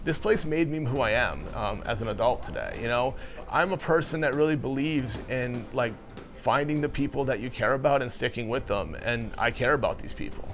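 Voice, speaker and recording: Male fighter, mid-pitched, casual and emphatic interview delivery, faint music underneath. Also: expressive, moderate pace, a bit bright.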